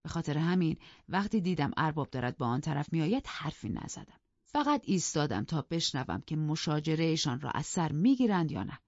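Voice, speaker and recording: A woman narrating an audiobook in a measured storytelling manner. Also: sits low, big pitch swings, a little mellow, dry recording, dull audio. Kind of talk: scripted narration.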